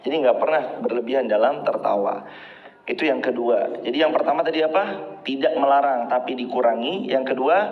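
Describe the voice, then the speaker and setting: A man giving a relaxed sermon who acts out quoted everyday speech and chants Arabic verses. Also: medium pitch. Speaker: preacher. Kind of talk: casual sermon. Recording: echoey hall, dull lo-fi sound.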